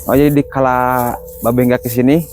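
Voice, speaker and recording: A man's voice: mid-range voice, little pitch movement, normal speed, over music. A man hosting a ghost-hunting video, asking short curious questions outdoors. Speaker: host. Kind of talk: interviewing on a ghost-hunting walk. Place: outdoors in a garden.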